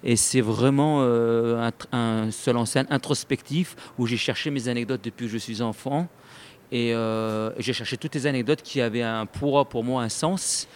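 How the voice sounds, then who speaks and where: A man of Sicilian descent raised in France, a stage singer, talking about his show in an animated, laughing, rambling way. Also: medium pitch, moderate pace. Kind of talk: casual interview.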